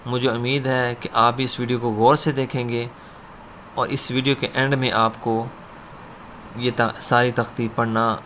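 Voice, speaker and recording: A man's voice: medium pitch, little pitch movement, a bit bright, a little hiss or hum. Man reciting Arabic letter drills. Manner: slow drilled syllable recitation with short explanations. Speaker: Quran reading teacher. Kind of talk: children's Quran reading lesson.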